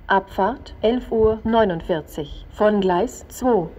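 A woman with a standard German accent reads scripted automated platform announcements in a measured, segmented, neutral delivery over a train station loudspeaker. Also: medium pitch. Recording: echoey station PA, clear background station noise.

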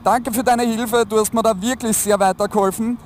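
Male Austrian motovlogger, high-pitched, casual colloquial chat, enclosed helmet sound with some traffic noise behind. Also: fairly even intonation, a little fast. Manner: colloquial, slangy. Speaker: motorcycle vlogger. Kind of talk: casual chat to viewers while riding. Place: inside a motorcycle helmet, riding outdoors on a motorway. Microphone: helmet-mounted mic. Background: motorcycle and traffic noise.

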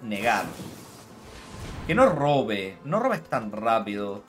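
A man giving live gameplay commentary as a streamer, animated, taunting his opponent and dropping in English phrases. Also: fairly low pitch, slow, faint music behind.

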